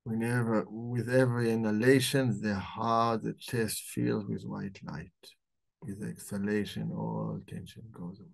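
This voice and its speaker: A man hosting a live book club, talking about the book and then slowly leading a guided meditation in a soft, calm voice. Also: fairly low pitch, vocal fry. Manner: slow, soft-spoken guiding voice. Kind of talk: live talk.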